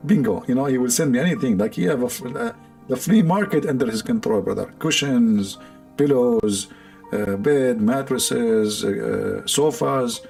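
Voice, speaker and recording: A man's voice: mid-range voice, normal speed, gravelly, a little mellow, soft background music. A man with an Arabic accent, a livestream host rambling in a sarcastic, joking way and laughing often. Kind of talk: casual joking monologue.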